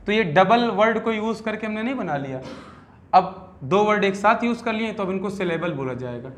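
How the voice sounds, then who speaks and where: A man from India with a Hindi accent teaches a classroom grammar lesson. His voice sits high, and he keeps pausing to quiz his students with short questions. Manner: keeps asking the class quick check questions.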